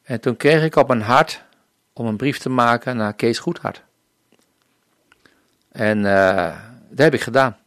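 A man from the Netherlands shares his missionary testimony in an interview, speaking earnestly and acting out the conversations he remembers. His voice sits in an ordinary middle pitch. The recording is dry and close, with no room echo. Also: unhurried, pauses often, fairly bright tone. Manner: earnest storytelling, often acting out remembered dialogue. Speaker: missionary guest. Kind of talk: personal faith testimony in an interview.

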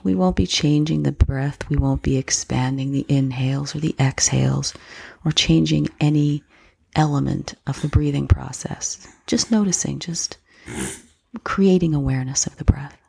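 A woman guiding a slow breath-counting meditation in a soft, gentle, breathy voice with unhurried pauses. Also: sits low, steady tone, no echo. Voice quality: soft, breathy, husky, often near whisper. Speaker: meditation guide.

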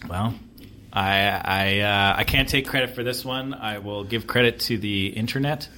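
A man co-hosting a podcast in casual chat, animated and often laughing, repeating his words as he goes. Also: on the low side, normal speed, slight background noise. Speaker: podcast co-host.

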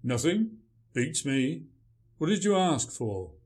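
A man's voice: on the high side, sing-song, slow, darkish tone. A man playing a grumpy male writer, dry, sarcastic and dismissive in a radio play. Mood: sardonic.

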